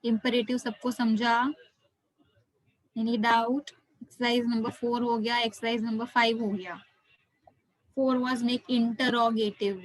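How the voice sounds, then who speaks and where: A woman's voice: a little high, level tone, a little fast, long pauses, poor audio. A woman with an Indian accent teaching an interactive online class as a language teacher, encouraging and full of praise, often repeating herself. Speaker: French teacher.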